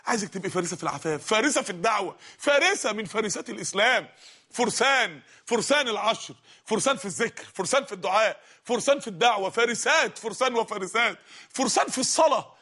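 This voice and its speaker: High, rapid-fire Egyptian male preacher. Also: animated, breathy edge. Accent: Egyptian Arabic. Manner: fervent, fast, sometimes shouting. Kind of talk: impassioned sermon.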